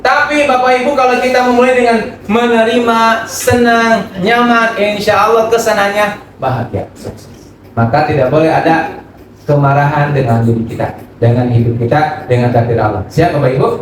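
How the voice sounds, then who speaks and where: A man giving a religious study sermon, lively and acting out examples, often asking his audience questions. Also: high-pitched, moderate pace. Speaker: Islamic preacher. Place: study gathering room. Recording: echoey room, distant mic, noisy.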